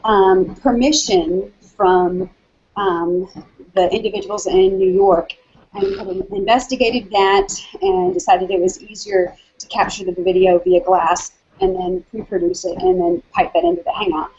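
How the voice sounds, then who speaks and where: Husky woman on a lo-fi video call. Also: medium pitch, measured pace, a little mellow. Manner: chatty, many ums and restarts. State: slightly out of breath from walking. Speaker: hangout host. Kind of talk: casual video call chat. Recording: dull lo-fi video call audio.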